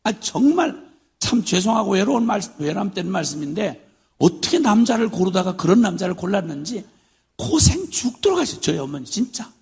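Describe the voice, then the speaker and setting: Raspy high-voiced older Korean preacher. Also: male voice, expressive, fairly quick. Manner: storytelling with humor, acting out his father's drunken shouts. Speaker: missionary preacher. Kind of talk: sermon.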